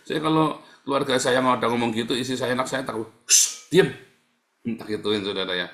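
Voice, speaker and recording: A man's voice: medium pitch, fast, fairly bright tone. A middle-aged man preaching a live-streamed sermon, repetitive and exhorting, who keeps calling his listeners "saudara". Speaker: pastor. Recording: echoey room.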